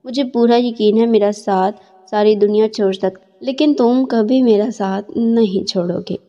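A nervous middle-aged mother who pleads and defends herself, voiced by a woman narrator. Her tone is high and mellow, heard through a dull recording with long reverb. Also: steady tone, close to an everyday voice. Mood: anxious.

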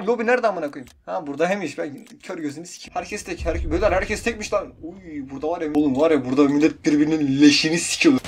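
A man's voice: a little high, quick pace, few pauses, a crowd in the background. A man giving live gameplay commentary to his viewers, ranting, swearing constantly and mocking the game with sarcasm. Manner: talks to viewers as "beyler". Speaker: gaming video creator.

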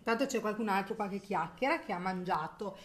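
A woman's voice: mid-range voice, a little fast. A young woman with an Italian accent, a mother talking casually to her viewers at home and cooing to her baby in a singsong voice. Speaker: vlogger mother. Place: home kitchen.

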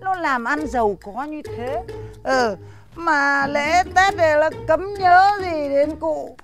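An actor playing a grumpy, stingy old village chief who scolds and grunts, speaking. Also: male voice, extremely high pitch, slow pace, creaky, music in the background, heavily acted. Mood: gruff. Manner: bossy, scolding, full of grunts. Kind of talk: slapstick comedy film acting.

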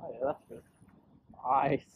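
A man's voice: medium pitch, steady tone, unhurried. Laid-back young Australian guy fishing outdoors. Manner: laid-back, swears freely, banters. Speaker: son fishing with his dad. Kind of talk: casual chat while fishing. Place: outdoors on a lagoon, on a boat. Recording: loud outdoor water and wind noise.

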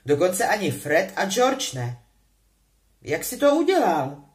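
A jealous teenage boy wizard full of forced, mocking sarcasm, as a woman reads him aloud. He sounds lowish but animated, his pitch jumping about. It is a storybook character from an expressive reading. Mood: sarcastic.

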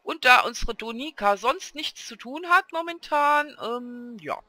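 A man's voice: very high voice, expressive, a little slow, sharp tone, no room sound. A man casually commenting on his own gameplay as a let's play host, chatting to and coaxing the game characters along.

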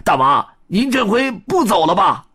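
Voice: mid-range voice, very animated, normal speed, a bit bright, husky, pitched above the performer's own voice. A storyteller voicing an eager male monkey marshal with a coaxing manner.

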